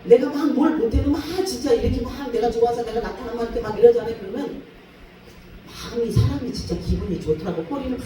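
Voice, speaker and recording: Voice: mid-range voice, fast talker, noisy background. A guest pastor preaching at a revival meeting, telling stories with laughter and acting out the people in them. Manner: lively storytelling, acts out quotes, laughs often. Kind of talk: revival sermon. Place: church sanctuary. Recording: echoey church hall, voice far from mic.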